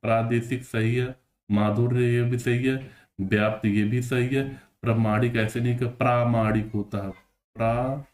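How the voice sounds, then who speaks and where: A man teaching Hindi spelling for an exam, explaining each answer patiently and repeating words slowly, sometimes stretching them out syllable by syllable. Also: medium pitch, little pitch movement, darkish tone. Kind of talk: exam-prep spelling lesson.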